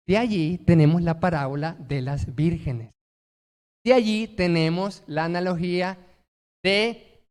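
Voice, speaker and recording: A pastor delivers a sermon to his congregation. His voice sits high for a man, and he leans hard on key words. He keeps asking the room questions and answering them himself. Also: long reverb tail. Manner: emphatic, asks rhetorical questions and answers them.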